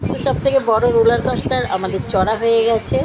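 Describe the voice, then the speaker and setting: A woman's voice: fairly high pitch, quick pace. A middle-aged woman narrates a casual family vlog, speaking simply and repetitively, straight to her viewers. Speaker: family vlogger. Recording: loud crowd and outdoor ride noise. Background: busy outdoor amusement park crowd and machinery noise.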